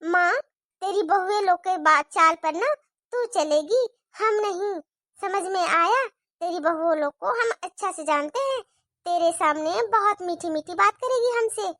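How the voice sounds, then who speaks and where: A woman voicing a sharp-tongued young married daughter in a cartoon story, complaining and tattling. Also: very high voice, animated, measured pace, no echo, studio quality, heavily acted. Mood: whiny.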